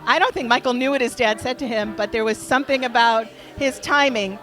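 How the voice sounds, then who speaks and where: A woman giving a tribute speech, telling a fond, animated story. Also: fairly high pitch, brisk, some chatter behind. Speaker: memorial speaker.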